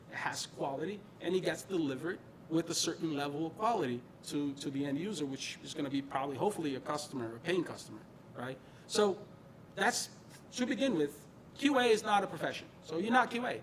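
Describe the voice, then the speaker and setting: The low-quality recording, with a touch of hiss or hum, captures a fairly high-pitched middle-aged man presenting to an audience in a meeting room. A quality engineering manager born in Brazil and raised in northern New Jersey, he gives an informal tech meetup talk, conversational and emphatic, with repeated phrases for emphasis.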